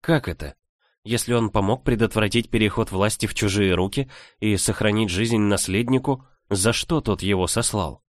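A male narrator voicing a confused young woman heroine in an audiobook, speaking softly and uncertainly. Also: on the low side, normal speed, no room sound, clean studio sound, lightly acted. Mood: unsure. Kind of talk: audiobook character voice.

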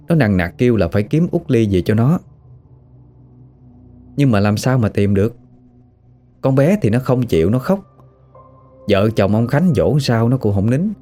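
A man telling a ghost story in a lively, animated way. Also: medium pitch.

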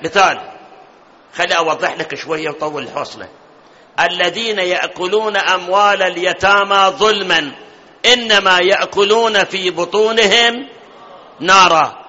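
A man's voice: sits high, pushed and bright. A man giving a religious lecture to a gathered audience, often asking them questions and chanting verses of scripture. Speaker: preacher. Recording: dull lo-fi sound with long hall reverb.

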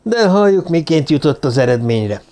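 A man voicing a sharp, coolly ironic male detective in an audiobook reading, with brisk, clipped commands and dry remarks. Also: fairly high pitch, very animated.

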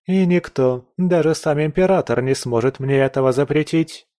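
In an audiobook, a man voices a defiant, provocative young woman journalist, giving her a haughty, sharp-tongued, taunting manner. He speaks at a normal speed, pitching a little above his own voice while staying close to everyday speech. The studio-quality recording has no echo.

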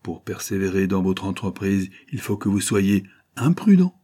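A hostile, hot-headed stranger, put on by a male narrator hammers out his objections with scorn. The voice is pushed up from a low, dark, husky base. It is a storybook reading. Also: sing-song, moderate pace, full character voice. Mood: heated, scornful.

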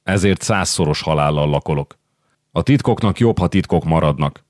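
A frightened young nobleman pleads for help in an anxious, confiding tone, as a male audiobook reader voices him. The voice sits very low and sounds dry and close. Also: a little mellow, no room sound. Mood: pleading. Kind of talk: audiobook character reading.

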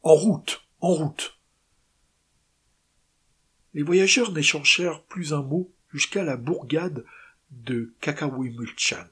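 Husky male audiobook narrator. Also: on the high side, fairly bright tone. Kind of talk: scripted narration.

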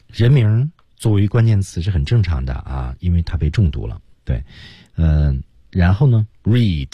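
A male radio host teaching English in a bilingual lesson, often breaking into English phrases with big exaggerated pitch jumps to demonstrate them. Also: mellow, husky, dry recording, highs cut off. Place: radio studio.

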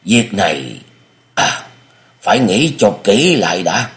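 A man voicing a hesitant old male sect leader who speaks slowly and shakily. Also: lowish voice, sing-song, exaggerated voice. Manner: slow, wavering, cautious.

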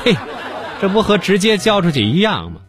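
Male TV host, playful storyteller, animated delivery over background music. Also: high voice, brisk. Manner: lively storytelling with punchlines. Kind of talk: studio TV comedy show hosting.

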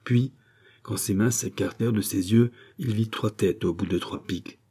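Man, audiobook narration, measured dramatic reading, dark husky voice. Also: fairly low pitch. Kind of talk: scripted narration of a classic novel.

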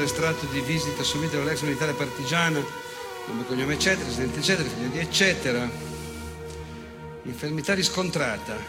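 In a theatrical monologue, an actor plays an old fascist veteran who is nostalgic and unrepentant, cruel and self-righteous, pausing heavily and posing sardonic rhetorical questions. His male voice sits slightly high and sounds natural, with a sardonic, bureaucratic mood.

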